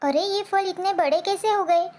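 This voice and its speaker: A woman's voice: very high-pitched, moderate pace, darkish tone, pitched above the performer's own voice. A woman voicing an earnest sparrow farmer. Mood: dismayed. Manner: hopeful then dismayed, earnest. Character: hardworking female sparrow farmer.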